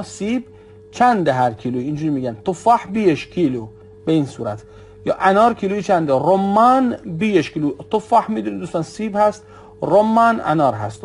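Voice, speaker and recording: High, lively-voiced male language teacher. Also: gravelly, breathy edge. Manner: stretches out example words, then repeats them with the meaning. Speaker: Arabic dialect teacher. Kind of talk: language lesson.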